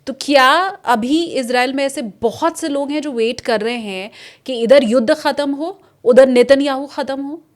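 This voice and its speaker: A woman hosts a podcast interview with a slightly high-set voice. She builds long, careful questions and murmurs short acknowledgments while her guest talks. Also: moderate pace, few pauses. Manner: asks long framing questions, frequent "hmm" acknowledgments. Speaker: podcast host.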